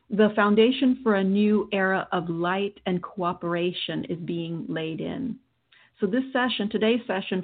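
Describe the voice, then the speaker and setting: A woman hosting a spiritual healing session, guiding listeners through meditation with soothing, deliberate phrasing and pauses. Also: medium pitch. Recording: muffled, dull lo-fi audio.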